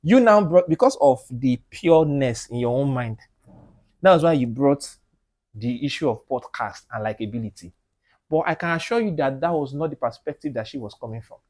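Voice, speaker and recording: On a studio podcast, a male co-host talks at normal speed in a casual group discussion, lively and insistent. His animated, emphatic delivery keeps returning to "do you understand?", then drops to a low, hushed voice when he drives a point home.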